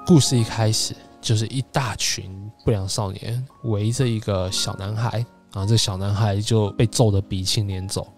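A man hosting a podcast, retelling a story in a casual, animated way and acting out the characters. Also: on the low side, normal speed, few pauses, soft background music. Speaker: podcast host.

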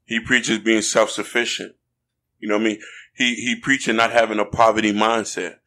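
A man's voice: lowish voice, flat delivery, moderate pace, pushed and bright. An American man co-hosting a casual podcast chat, talking in an earnest, preachy way and often asking "you know what I mean?". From United States. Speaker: podcast co-host. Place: podcast studio in Florida.

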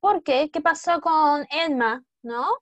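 A woman's voice: high-pitched, expressive, slow pace, no room sound, lo-fi sound. A woman teaching an English lesson, coaxing students with constant questions and repetition. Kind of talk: classroom lesson explanation.

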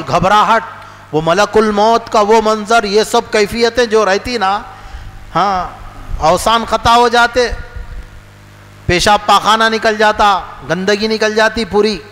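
A male preacher giving a religious sermon, speaking emphatically, repeating phrases and moving between soft low lines and raised outbursts. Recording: long hall reverb with faint noise.

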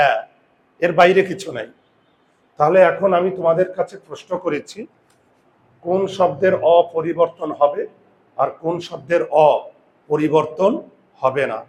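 A man teaching a grammar lesson who sounds out vowels slowly, repeats words and asks his students questions. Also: on the high side, darkish tone. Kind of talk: classroom lesson.

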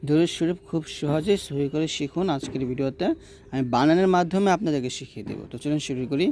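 Man, recitation teacher, slow drawn-out chanting, quick spoken asides, fairly high voice. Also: darkish tone, slight background noise. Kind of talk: spelled-out recitation lesson.

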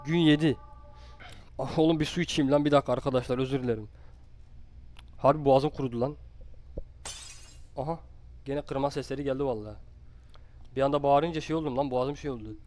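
A young man commenting while he plays a horror game, swearing constantly and jumping to loud outbursts when scared. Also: mid-range voice, fairly quick, pauses often, a little hiss or hum. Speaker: gaming streamer.

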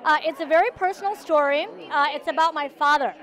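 A woman film director being interviewed outdoors on a red carpet, speaking earnestly and carefully with soft fillers. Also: high voice, fairly quick, some chatter behind.

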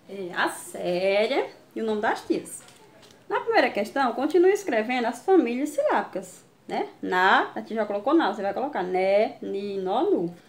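Slow Brazilian teacher woman, echoey room. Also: fairly high pitch, slight background noise. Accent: Brazilian Portuguese. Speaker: primary school teacher. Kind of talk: children's video lesson.

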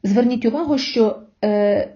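A woman teacher giving a recorded language lesson, explaining slowly and patiently and pausing so learners can repeat after her. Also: a little high, dark tone, lo-fi sound. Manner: slow, patient explaining with pauses for repetition. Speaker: Spanish teacher.

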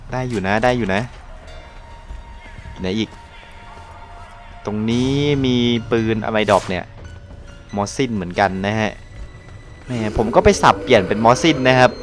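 Excitable man narrating his gameplay. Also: fairly low pitch, measured pace, long pauses, music in the background. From Thailand. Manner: excitable, swears and laughs often, exclaims at the action. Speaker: gaming channel host. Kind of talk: casual live gameplay commentary.

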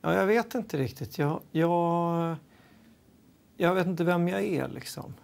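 A man's voice: a little high, creaky, a little mellow. An actor playing a confused male patient who hesitates and stammers.

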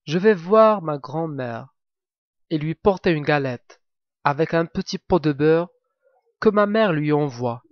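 A man's voice: a little high, lively intonation, a little slow, dry recording, muffled recording. A man voicing a naive, polite little girl in a read-aloud fairy tale, with a slightly lifted, earnest delivery.

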